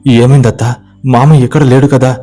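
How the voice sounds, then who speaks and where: Worried young villager, urgent and coaxing, pitched higher and louder than the teller's own voice, as a male storyteller puts him on. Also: flat delivery, moderate pace, soft background music, lightly acted. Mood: alarmed. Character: worried young village man, gentle and pleading.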